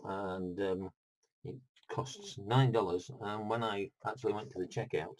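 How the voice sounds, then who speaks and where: A man's voice: lowish voice, fairly even intonation, unhurried, darkish tone, rough recording. A middle-aged man, unboxing a board game in a rambling, chatty vlog full of asides. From United Kingdom.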